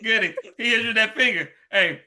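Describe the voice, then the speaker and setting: A man with a high, very bright voice jokes and banters with old friends on a podcast. He chuckles between lines and teases the others. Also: brisk. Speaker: podcast co-host. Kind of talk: casual chat among friends.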